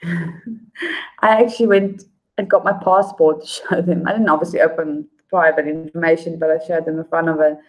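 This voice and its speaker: A South African woman hosts a casual, unscripted livestream, reading and answering her viewers' chat and calling them by name. Her low voice keeps a steady tone at a moderate pace, though the audio is poor. She rambles conversationally, full of fillers and restarts.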